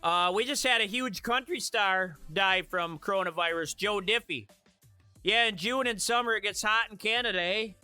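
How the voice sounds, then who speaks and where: A man's voice: high voice, moderate pace, pushed and bright, clean tone, no room sound, soft background music. A man from Michigan chatting casually with viewers on a live stream, joking and laughing at his own remarks.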